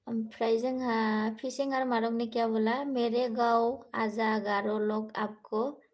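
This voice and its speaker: A young woman hosting a casual live stream, reading out viewer comments and answering them in a soft voice while switching between languages. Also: a little high, steady tone, takes it slowly. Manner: speaking softly, says she cannot talk louder.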